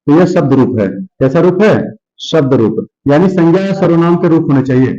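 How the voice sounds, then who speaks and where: A man's voice: fairly high pitch, brisk, warm tone, dull audio. A male teacher giving a grammar lesson, who repeats words and asks and answers his own questions.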